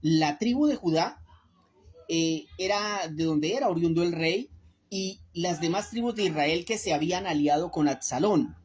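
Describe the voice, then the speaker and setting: A woman's voice: fairly low pitch, animated, moderate pace, a little mellow, slightly rough. A woman giving an earnest Bible study sermon, speaking to her listeners as brothers and asking them rhetorical questions. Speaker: Bible teacher.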